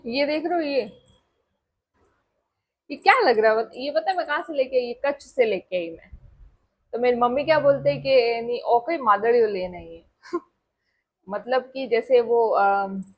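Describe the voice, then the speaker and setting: Chatty young woman vlogger, husky voice. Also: sits high, measured pace, long pauses. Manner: chatty, rambling, addresses viewers as guys. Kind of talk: casual chat to camera.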